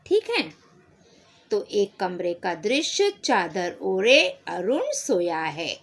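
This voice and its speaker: Slow, lively woman teaching children. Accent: Marathi-influenced Hindi. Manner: slow, explanatory, acts out character lines with rising pitch. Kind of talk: reading and explaining a school lesson to children.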